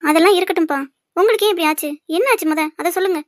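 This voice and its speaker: A woman's voice: very high-pitched, very fast, no room sound, studio quality. A woman voicing a tearful, anxious young daughter in a cartoon drama, pleading and insistent.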